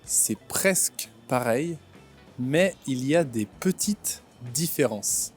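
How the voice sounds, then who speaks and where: Slow, clear-speaking young Frenchman. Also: mid-range voice, lively intonation, faint music behind. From France. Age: 20s. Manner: slow, clear, repeats and rephrases simply. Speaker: vlog host and French teacher. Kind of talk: slow comprehensible-input vlog narration. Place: outdoors in a city.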